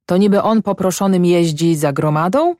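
Peasant farmer, as a woman reads him, folksy, gruff, kind, low, dry. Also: normal speed, darkish tone, no room sound, natural voice. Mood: curious. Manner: plain folksy peasant speech. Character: middle-aged peasant man, gruff but kind.

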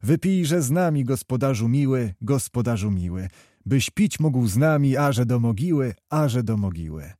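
A man's voice: mid-range voice, sing-song, normal speed, warm tone, no room sound, studio quality, natural voice. A man voicing a rowdy male nobleman comrade who teases and sings drinking songs.

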